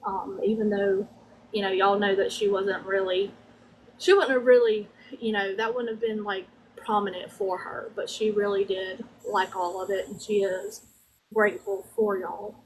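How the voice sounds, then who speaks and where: A woman with a Southern US drawl giving a conversational spirit reading in a folksy, halting way, often circling back over her words. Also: mid-range voice, steady tone, background noise.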